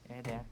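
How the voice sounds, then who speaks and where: A player in a tabletop game chats casually and cheers on a teammate. The voice sits at a middle pitch, with a faint hiss in the background. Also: darkish tone. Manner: cheering, supportive.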